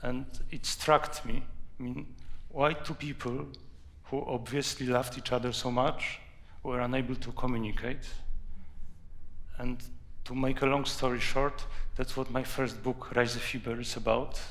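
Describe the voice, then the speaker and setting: Creaky-voiced Polish man telling stories. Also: medium pitch, level tone, a little slow, a bit bright. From Poland. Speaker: author, guest. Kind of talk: anecdotal storytelling at a live talk.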